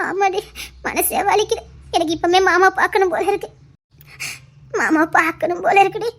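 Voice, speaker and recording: A woman's voice: very high voice, steady tone, normal speed. A woman voicing a grieving middle-aged aunt who laments and sobs as she longs for her husband. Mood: tearful longing. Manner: lamenting, sobbing. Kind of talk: one-voice family drama acting.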